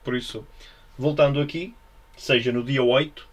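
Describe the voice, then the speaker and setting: A man's voice: medium pitch, steady tone, normal speed. A man with a European Portuguese accent giving an informal Bible study, musing and repetitive, often checking with his listeners. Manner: musing, repetitive, frequent tag questions. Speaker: religious teacher.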